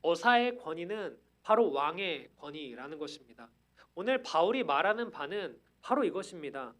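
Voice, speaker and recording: A man's voice: a little high, very animated, moderate pace, fairly bright tone. A man preaching a sermon, earnest, building up to emphatic declarations.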